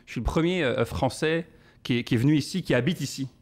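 A man in his thirties from France with a French accent, a comedian answering questions on a podcast with animated storytelling. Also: mid-range voice, fast talker. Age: 30s. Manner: animated storytelling with quoted asides. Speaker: guest comedian.

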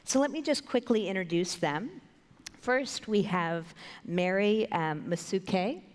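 A woman in her thirties moderating a conference panel, introducing the guests in a measured way with many fillers. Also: medium pitch. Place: large conference stage with long reverb. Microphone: headset mic. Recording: reverberant large hall.

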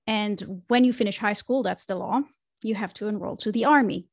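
A woman's voice: mid-range voice, moderate pace, gravelly, a little mellow, no room sound. Woman telling her story, dry close sound. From Israel. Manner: reflective storyteller, frequent fillers and restarts. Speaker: podcast guest, marketing consultant. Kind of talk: casual interview conversation. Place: small home room. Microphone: studio microphone on a video call.

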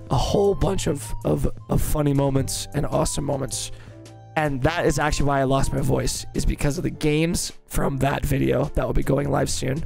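A hoarse man who has lost his voice, giving casual gameplay commentary for his video channel, excitable and prone to swearing when frustrated. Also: on the high side. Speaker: gaming video creator.

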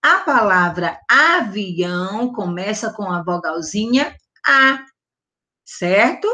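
Slow, clearly enunciating woman teacher. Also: mid-range voice, lively intonation. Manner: slow, drawn-out enunciation with diminutives and check-ins; stresses and stretches the vowel sounds loudly. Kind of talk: early-literacy vowel lesson for young children. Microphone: close mic, online class recording.

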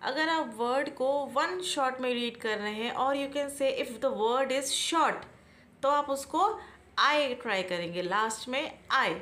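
Indian lady teaching english, talks slow n patient, keeps asking questions back. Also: high voice, expressive, sharp tone. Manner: slow, patient, repeats key points and asks questions back. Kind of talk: classroom-style explanation.

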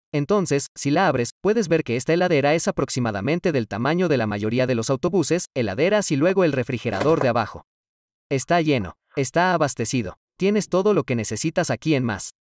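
A man's voice: a little high, a little mellow, dry recording, clean studio sound, distant mic. A young man giving an upbeat, casual tour of the converted shuttle bus he lives in.

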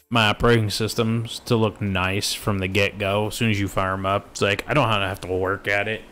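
A man's voice: fairly low pitch, a bit bright. Man, casual tech stream host, rambling, jokey, faint music underneath. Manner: rambling, goes off on tangents; laid-back, jokey, self-interrupting. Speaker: show host. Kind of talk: casual live-stream commentary.

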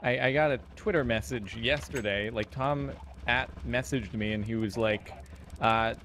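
A man's voice: medium pitch, normal speed, fairly bright tone, a little hiss or hum. A man chatting with friends during a game, curious and full of questions about what he missed. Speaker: fellow player. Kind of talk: casual gaming chat.

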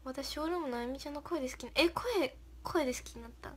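High-pitched and fast, a young woman hosts a casual idol livestream. She reads viewer comments aloud, thanks people, and giggles often.

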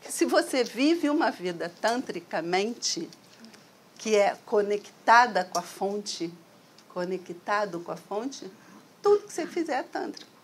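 A woman's voice: medium pitch, sing-song, a little slow, a little hiss or hum. A middle-aged woman from Brazil giving a conversational, reflective talk to an audience through a stand microphone in a hall. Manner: conversational, reflective, frequent "né?" tags. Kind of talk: lecture to an audience.

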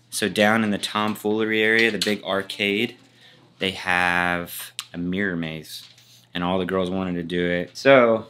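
Low-voiced dad vlogging to camera. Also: male voice. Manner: relaxed, explaining plans to camera. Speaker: family vlogger, father. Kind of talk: casual vlog narration.

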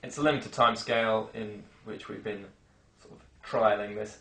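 A man's voice: on the low side, steady tone, moderate pace, sharp tone, distant mic. Boastful, breezy male consultant played by a young actor for spoof interview, recorded off mic in echoey room. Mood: breezy, smug. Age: young adult. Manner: breezy, self-satisfied.

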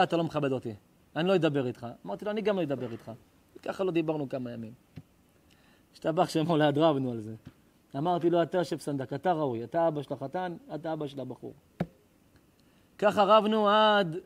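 A middle-aged man, a rabbi, giving an emotional sermon full of stories, swinging between loud cries and hushed tones. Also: a little high. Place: live lecture before an audience.

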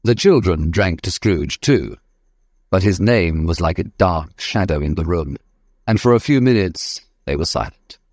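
A man narrating a graded-reader story with a clear, expressive reading. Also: sits low, a little slow, dry recording, studio quality.

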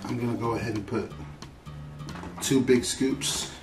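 A man with a middle-pitched voice talks viewers through a cooking tutorial in a home kitchen, relaxed and chatty. He sounds a bit off from the mic, and music plays clearly behind him. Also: unhurried, far from the mic. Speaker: cooking vlogger.

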